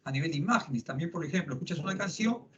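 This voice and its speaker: Middle-aged man, psychology lecture, higher-pitched, conversational, dull lo-fi classroom sound. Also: animated, fast talker, fairly bright tone. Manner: conversational, frequent tag questions. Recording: lo-fi classroom recording.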